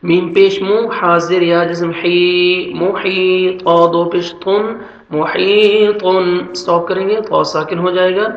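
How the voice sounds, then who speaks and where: High-voiced man teaching, echoey lo-fi room. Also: level tone. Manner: slow drawn-out chanting of examples, then brisk explanation. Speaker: recitation teacher. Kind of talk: step-by-step pronunciation lesson.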